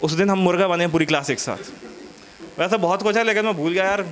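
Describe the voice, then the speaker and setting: A male stand-up comic with a notably high voice, spinning stories in a loose, chatty way. He keeps breaking off to banter with his audience on a small studio stage. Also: fast talker, crowd noise. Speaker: stand-up comedian. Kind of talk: stand-up comedy set.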